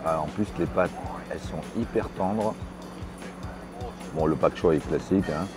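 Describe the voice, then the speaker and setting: A middle-aged man hosting a food vlog, giving measured, descriptive tasting remarks in a casual way. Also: a bass voice. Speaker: food vlogger host. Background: background music.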